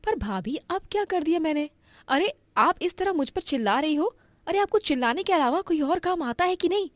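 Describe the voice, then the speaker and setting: A woman voicing a defiant young unmarried sister-in-law in a cartoon story, with a shrill and indignant manner. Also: animated, moderate pace, no echo.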